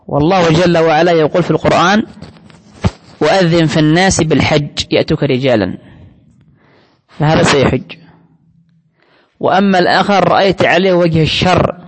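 A man's voice: a little high, a little fast, long pauses. A man giving a religious lesson in an explanatory, teacherly way, often quoting scripture. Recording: long hall reverb.

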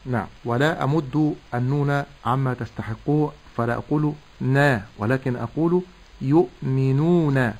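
A man teaching Quran recitation, slowly sounding out each syllable to demonstrate correct pronunciation. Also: mid-range voice, darkish tone, rough recording. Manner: slow, deliberate syllable-by-syllable demonstration. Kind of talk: tajweed lesson.

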